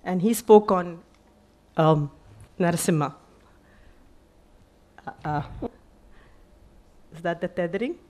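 A middle-aged woman, presenting her book at a literature festival in an animated, chatty way, with frequent little laughs and self-corrections. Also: on the low side, takes it slowly, pauses often. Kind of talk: conversational talk at a literary festival.

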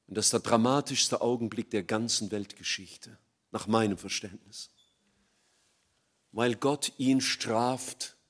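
A middle-aged man preaching an evangelistic sermon, swinging from loud emphatic peaks to hushed, low passages.

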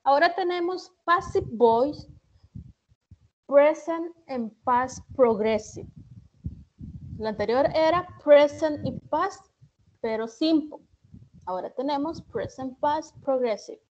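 A woman with a Salvadoran Spanish accent teaching English in an online class, explaining slowly and reading example sentences with care. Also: high voice, a little mellow, a little hiss or hum. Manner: slow, deliberate, reads English examples carefully. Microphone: video call. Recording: muffled online-class audio.

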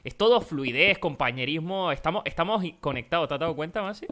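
This is a young-sounding man from hosting a gaming video, and his voice sits high and bright. He talks fast and excitably, and his voice jumps when a fight breaks out. His comes through clearly as he plays. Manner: excitable, shouts during fights. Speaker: gaming channel host. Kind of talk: casual gameplay commentary.

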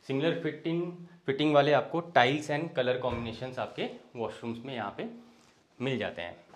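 A man's voice: medium pitch, normal speed. Young man touring villa rooms. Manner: friendly sales patter, inviting viewer along. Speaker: real estate tour host. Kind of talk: property walkthrough. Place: indoors, large villa interior, walking room to room.

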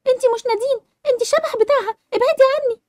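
A woman's voice: very high-pitched, very fast, warm tone, no echo. Woman playing a frightened haunted girl. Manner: anxious, pleading.

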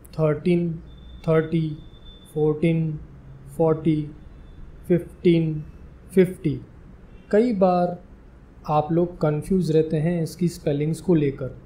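A man's voice: sits high, warm tone. A man teaching a spoken English lesson, spelling words out letter by letter in a careful, explaining manner.

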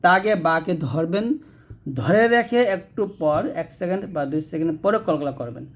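A man with a Bangladeshi Bengali accent teaching Quran reading. He spells out each letter and syllable slowly, then chants the verses. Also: a little high, expressive. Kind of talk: spelling-out recitation lesson.

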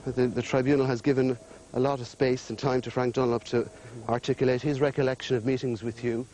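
Persistent fast-talking Irish male reporter, outdoors. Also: mid-range voice, flat delivery, a little mellow, low-quality recording. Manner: persistent, probing. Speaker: television news reporter. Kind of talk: doorstep interview questioning. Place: outdoors on a country road, walking. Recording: outdoor roadside location with background noise.

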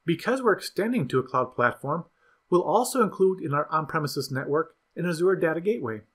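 Narrating a scripted software tutorial, this male product demo voice sounds slightly high and husky. Each step comes across clearly thanks to his lively pitch and steady, instructional delivery.

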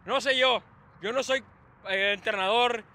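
A young man reacts to a match outdoors in a city, speaking into a handheld camera. His voice sits very high and sounds bright and forceful. He moves from calm play-by-play to bursts of shouting. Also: measured pace. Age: young adult. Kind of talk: live sports reaction commentary.

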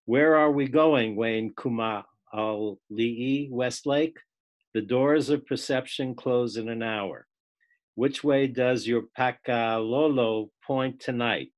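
Slow-reading man on a video call. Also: medium pitch. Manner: unhurried, restarts words, laughs while reading. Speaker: class participant reading a poem. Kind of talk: poetry reading and casual discussion.

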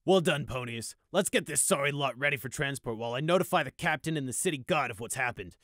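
A man voicing a brisk, commanding male pony lieutenant in an audiobook, curt and giving orders. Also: medium pitch, animated, fairly bright tone, dry recording, clean studio sound, pitched above the performer's own voice, natural voice.

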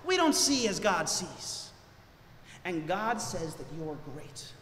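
A male pastor preaching a sermon in an animated way, his voice rising for emphasis. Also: sits high, takes it slowly, a little hiss or hum. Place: church sanctuary. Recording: echoey church hall with long reverb.

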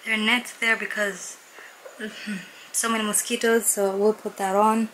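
A woman's voice: mid-range voice, little pitch movement, normal speed, fairly bright tone. A young woman chatting enthusiastically to her viewers in a casual travel vlog, filming herself at arm's length outdoors in the wind. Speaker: vlogger. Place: outdoors on windy safari grounds. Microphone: handheld camera at arm's length.

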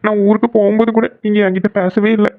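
An actor voicing a young husband and emotional son in an animated family cartoon, who teases and then pleads. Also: mid-range voice, fast talker, no room sound, lightly acted. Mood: pleading. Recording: dry, phone-like narrow sound.

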